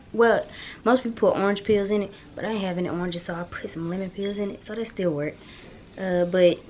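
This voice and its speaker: A woman's voice: on the low side, slight background noise, rough recording. A young woman hair vlogger giving a casual how-to walkthrough, rambling in a chatty, loose way. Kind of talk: casual how-to vlog narration.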